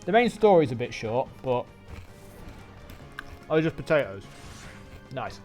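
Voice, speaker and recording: A man's voice: mid-range voice, big pitch swings, measured pace, darkish tone, faint music behind. An English man live-streaming a video game, chatting casually and rambling while he snacks. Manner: rambling, chatty, talks with mouth full.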